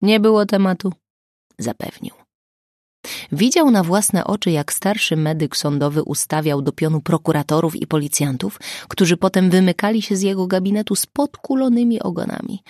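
A woman narrating an audiobook in steady scripted storytelling. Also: lowish voice, normal speed, no echo, studio quality.

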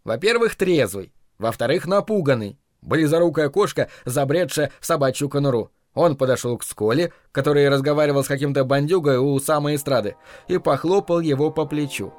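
Guy reading an audiobook, kinda high voice, faint music in the background. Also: expressive, a little fast, darkish tone, no room sound. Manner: storytelling first-person narration with dramatic shifts for characters. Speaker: audiobook narrator. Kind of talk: audiobook narration.

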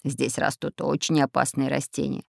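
A woman voicing a calm, learned elderly male professor who lectures. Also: a bass voice, normal speed, vocal fry, no echo, clean studio sound, pitched below the performer's own voice, exaggerated voice. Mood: lecturing.

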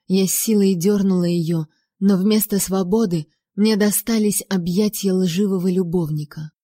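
A woman reading a first-person story aloud in steady, emotive narration. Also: medium pitch, normal speed, dry recording, clean studio sound. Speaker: audiobook narrator.

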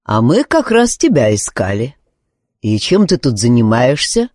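A woman reading the part of a calm, thoughtful male wizard king speaking to his son. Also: extremely low pitch, unhurried, no room sound, clean studio sound, voice pushed down, heavily acted.

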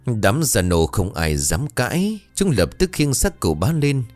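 A man narrating a scripted ghost story in a dramatic, expressive way. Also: medium pitch, measured pace. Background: faint music.

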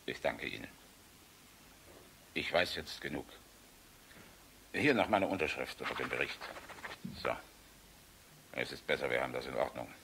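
An actor playing a proud, weary, sardonic middle-aged air force general in a radio play, commanding and grave, with deliberate pauses. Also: male voice, a bass voice, vocal fry, a bit bright, a little hiss or hum, heavily acted, rough recording. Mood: grave, subdued. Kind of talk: German radio play acting.

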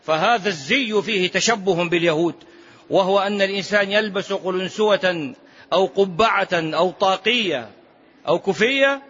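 A male religious teacher with a notably high voice delivers a lesson in formal Standard Arabic, slipping into colloquial asides. He quizzes his listeners and repeats his points to drive them home. The recording is muffled and lacks detail. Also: fairly bright tone, breathy edge. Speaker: preacher teaching before congregational prayer. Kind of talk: religious lesson, explaining scripture. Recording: muffled, dull lo-fi lecture recording.

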